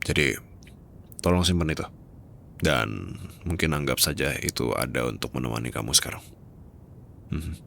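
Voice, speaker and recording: A man playing a gentle, lovestruck doctor who comforts someone, in a soft, hesitant ASMR role-play. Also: moderate pace, creaky, pauses often, full character voice. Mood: tender, reassuring. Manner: tender, hesitant, softly reassuring. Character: gentle doctor, wealthy man in love, comforting a crying woman. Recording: rumbling low background noise.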